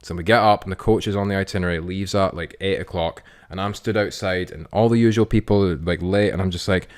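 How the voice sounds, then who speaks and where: A man's voice: low voice, fairly even intonation, quick pace. A young man co-hosting a casual podcast chat, telling rambling stories with many restarts and acting out what he said. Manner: rambling storyteller, many restarts, acts out his own quotes. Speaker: podcast co-host.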